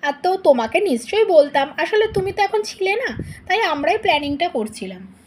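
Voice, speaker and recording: Woman doing a sister-in-law, gentle, reassuring, high voice, doll vlog drama. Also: very animated, fairly quick, slight background noise. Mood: calm. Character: calm older sister-in-law of the house.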